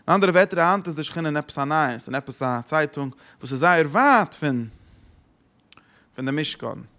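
Man teaching a religious lesson, higher voice. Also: lively intonation, moderate pace, bright, forceful tone. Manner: rhetorical questions and repeated phrases. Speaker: Torah teacher.

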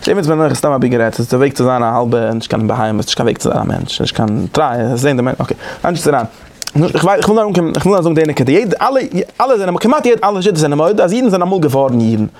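With a fairly high voice, a man leads the class through an informal study-group discussion. Restarts and repeated words break up his halting speech, though he grows spirited and emphatic.

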